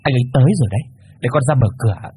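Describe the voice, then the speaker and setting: A man voicing a curt, sharp-tongued young daughter. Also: medium pitch, racing, a little hiss or hum, natural voice. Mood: snappish. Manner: snappish, curt. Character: sharp-tongued young woman, daughter defending her boyfriend.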